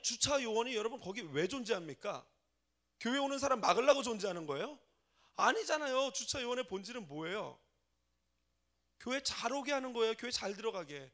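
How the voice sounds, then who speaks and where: Man, pastor from korea, 40s, lively sermon, acts out voices, questions the congregation, high-pitched. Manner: animated storytelling, acts out quoted voices, asks the congregation questions. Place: church sanctuary.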